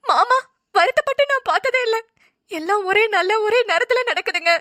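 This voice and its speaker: Gentle, tearful mother in a cartoon; very high, dry and close. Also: animated, fairly quick, no echo, heavily acted. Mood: tearful lament. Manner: soft, pleading, tearful. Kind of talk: cartoon voice acting.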